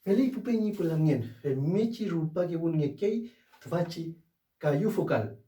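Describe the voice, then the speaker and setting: A teacher leads a pronunciation lesson at an unhurried pace, the voice dark and mellow, rising and falling in a lively way. Each sound and word is sounded out on its own and repeated, and the teacher keeps checking in with a questioning "verdad?". The voice is heard from a distance in an echoey room. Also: mid-range voice. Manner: repeats sounds and words slowly to model them. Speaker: language teacher.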